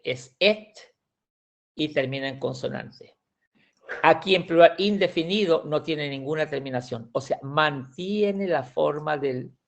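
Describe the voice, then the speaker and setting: Man teaching with a gravelly voice. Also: on the high side. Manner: explains patiently, repeats words, frequent restarts. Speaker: language teacher. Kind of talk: classroom lesson explaining grammar. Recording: dull lo-fi sound.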